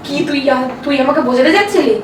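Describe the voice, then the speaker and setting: A woman's voice: sits high, lively intonation, fast. A young woman from Bengal, co-host of a prank channel, arguing in a heated, accusing, emotional way during a staged couple prank. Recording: echoey room, distant mic, background noise.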